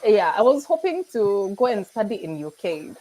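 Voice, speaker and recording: A woman's voice: mid-range voice, big pitch swings, normal speed, mellow, a little hiss or hum, low-quality recording. A young Kenyan woman with a Kenyan accent, chatting as a guest on a video call, laughing often and slipping into Swahili. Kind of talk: casual interview chat.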